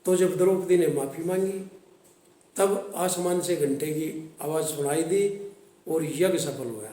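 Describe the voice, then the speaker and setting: A man telling a devotional story to his channel's viewers, reciting verses slowly and then explaining them. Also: a little high, warm tone. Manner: slow, recitative when quoting verses. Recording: echoey room.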